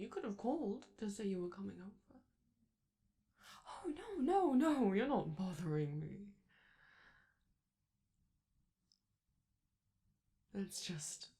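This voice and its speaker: Voicing a vain, flamboyant robot celebrity for a scripted ASMR roleplay, a woman dotes theatrically, drawing out words and sprinkling in teasing pet names. The mid-range voice is dark and only lightly acted, with a coy, reassuring mood.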